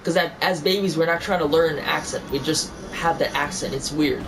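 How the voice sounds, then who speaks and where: A man's voice: on the high side, a little fast. A man with a New York accent chatting casually while he plays, rambling with lots of restarts and asides. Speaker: gamer chatting while playing. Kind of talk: casual chat. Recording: steady background noise.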